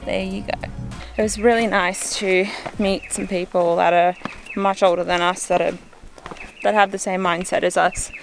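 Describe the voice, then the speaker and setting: Level in tone and moderate in pace, this woman's lowish, creaky voice plays over soft background music. She's a travel vlogger in her 20s talking casually to a handheld camera at arm's length, first on a forest hiking trail and summit, then in a car.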